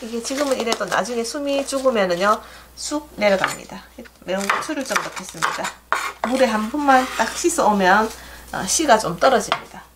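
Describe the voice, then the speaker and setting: A woman's voice: on the high side, lively intonation, brisk, noisy background. A middle-aged woman with a Gyeongsang accent, hosting a home cooking demonstration in a chatty, homey way, with dishes clinking in her kitchen. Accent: Gyeongsang Korean. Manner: chatty, homey step-by-step instructions. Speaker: cooking channel host. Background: clinking dishes and pots.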